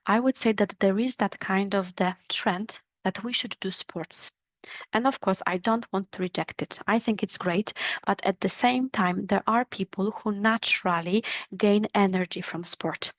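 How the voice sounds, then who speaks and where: A woman's voice: mid-range voice, no room sound. Non-native woman presenting on a muffled video call. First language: not English. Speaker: webinar presenter. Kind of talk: explanatory webinar talk on a video call. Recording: dull lo-fi call audio.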